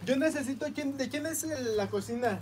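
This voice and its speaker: A man's voice: very high voice, a little fast. A father, hosting a casual family livestream, playful and teasing with his kids. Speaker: father and vlog host. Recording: echoey room with clear noise.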